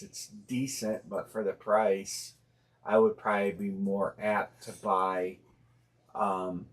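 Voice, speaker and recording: A man hosting a live sports card break stream, talking casually and thinking out loud with plenty of fillers and restarts. He speaks bluntly and uses slang. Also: fairly low pitch. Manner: rambling, thinking aloud with many fillers and restarts.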